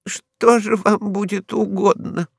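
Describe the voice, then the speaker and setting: A man's voice: high voice, level tone, slow, creaky, slightly rough, dry recording, clean studio sound, pitched above the performer's own voice, full character voice. A man voicing a small, frightened, fawning male stray dog in a storybook reading, timid and servile.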